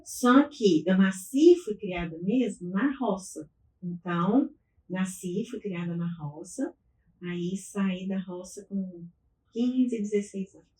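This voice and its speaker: A woman's voice: medium pitch, slow, a little mellow. A middle-aged woman from Minas Gerais, Brazil, tells her life story as a podcast guest in a chatty, easygoing way, often stopping to restart a phrase. Her voice sits in a middle range and sounds a little distant from the mic. The room around her is echoey. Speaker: guest, business owner. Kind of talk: interview storytelling.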